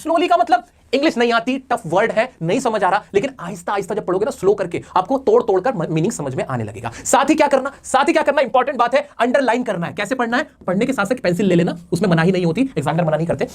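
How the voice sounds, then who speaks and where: High-voiced, very fast-talking male teacher. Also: very animated. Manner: asks rhetorical questions and answers them, repeats key words; addresses students as "my children" and "friends". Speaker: English teacher. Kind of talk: exam-prep lesson explaining steps.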